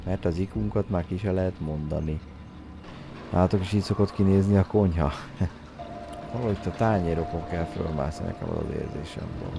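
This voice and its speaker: Excitable man with a deep gravelly voice. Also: music in the background. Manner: joking, excitable, shouts at his game character in a high voice. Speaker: game streamer. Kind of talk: let's-play commentary.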